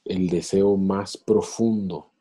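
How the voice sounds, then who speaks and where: Man, deep voice, slightly husky, reflective lecture, video call. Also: steady tone, slow, mellow. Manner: retells a story and acts out its voices. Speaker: speaker in a theology webinar. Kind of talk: reflective online lecture with storytelling.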